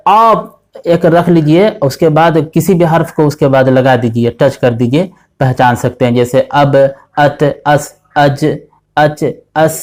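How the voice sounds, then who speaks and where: A man's voice: on the high side, a little mellow. A man teaching the Urdu alphabet to children, patiently explaining step by step and drilling each letter four times.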